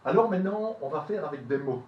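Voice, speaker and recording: A man leading a voice workshop, explaining exercises and demonstrating sounds with big pitch leaps, now and then slipping into English. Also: animated, quick pace, lo-fi sound. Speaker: voice workshop teacher. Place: theater hall. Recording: echoey hall, voice from far off.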